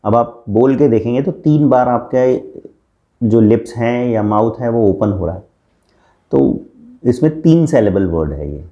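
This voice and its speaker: A man teaching a language lesson as a coach, mixing Hindi and English and slowing down to read out English definitions. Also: medium pitch, warm tone.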